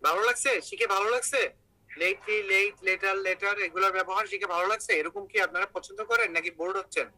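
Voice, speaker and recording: A man's voice: sits high, quick pace, bright, forceful tone, poor audio. A man teaching an online English grammar class, explaining step by step and asking his students questions.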